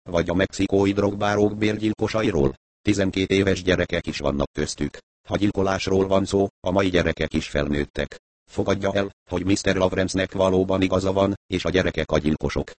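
Deep-voiced man reading a story aloud. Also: dry recording. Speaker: audiobook narrator. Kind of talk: scripted narration.

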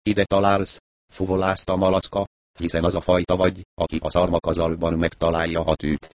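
A chirpy, pushy lawyer of a man, piping his words in a voice lifted above the reader's deep tone, as a male narrator puts him on. The sound stays dry and close in this audiobook reading. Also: level tone, dry recording, lightly acted. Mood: eager, chirping.

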